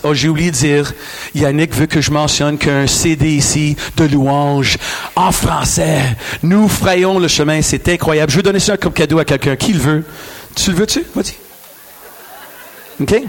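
Québécois male preacher, high voice, bantering with a big crowd. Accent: Québécois French. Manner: animated, joking with the crowd. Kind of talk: lively sermon. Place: large hall with a crowd.

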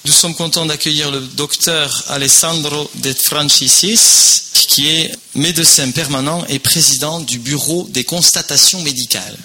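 A man's voice: fairly high pitch, measured pace, few pauses, noisy background. A man leading a youth camp, welcoming the audience and introducing a guest speaker, with a few hesitant fillers. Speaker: youth camp leader and moderator. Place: large tent at a youth camp.

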